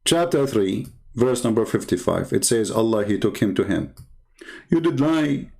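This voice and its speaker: Lowish, gravelly, and dark in tone, this man's voice has lively intonation and a moderate pace. He is a native Arabic speaker with an Arabic accent who hosts a live stream, reading religious texts aloud and mocking them with sarcastic, needling commentary.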